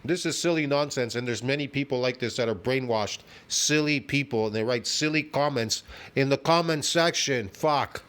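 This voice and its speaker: A man's voice: mid-range voice, normal speed, fairly bright tone, smooth. A man in his fifties ranting in a reaction video from home, scornful and profane, constantly tossing in "man" and "bro.". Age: 50s. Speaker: fitness video host.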